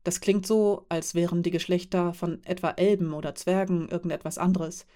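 A woman reading the lines of a calm, friendly man who is part elf and part dwarf, explaining things with quiet amusement. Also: fairly low pitch, moderate pace, lightly acted.

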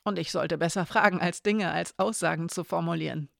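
A narrator voicing Elena, a young woman who speaks quietly and matter-of-factly, often half muttering. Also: medium pitch, steady tone, a little fast, creaky, no room sound, clean studio sound. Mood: subdued.

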